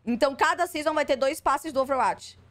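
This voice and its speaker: Brief: high-voiced woman streamer, skeptical and exasperated live reaction, salty language. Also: a little fast, a bit bright. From Brazil. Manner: skeptical, exasperated, swears freely.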